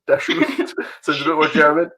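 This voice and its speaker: A man's voice: mid-range voice, expressive, normal speed, fairly bright tone, low-quality recording. Man, youth quiz host, rambling chatty delivery, home computer mic. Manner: chatty, rambling explanations with frequent laughs. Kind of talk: casual online quiz hosting.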